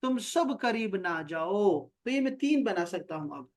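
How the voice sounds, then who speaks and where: Man, grammar teacher, online class over video call, slow deliberate delivery, recites then explains, quizzes students. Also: sits high, sing-song. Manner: recites Arabic phrases slowly, then explains them patiently in Urdu; asks students questions and checks their answers. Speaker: Quran and Arabic grammar teacher.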